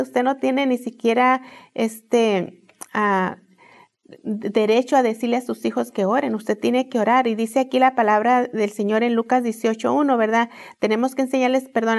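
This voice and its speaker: A woman's voice: on the high side, darkish tone. Earnest woman teaching a devotional. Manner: earnest, repeats phrases, asks "¿verdad?". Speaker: women's ministry teacher.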